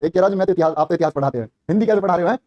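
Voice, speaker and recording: Fast, high-voiced Hindi exam coach. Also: male voice, no echo, muffled recording. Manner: rapid, repeats answers and prompts students constantly; encouraging praise, calls students brother and child. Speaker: Hindi teacher for police exam prep. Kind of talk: live online class, quizzing and reading comments.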